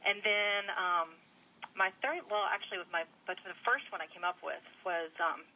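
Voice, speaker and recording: A woman's voice: mid-range voice, normal speed, bright, forceful tone, a little hiss or hum. A woman from Kentucky chatting with wry, folksy humor as a radio interview guest over a phone line. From United States, Kentucky.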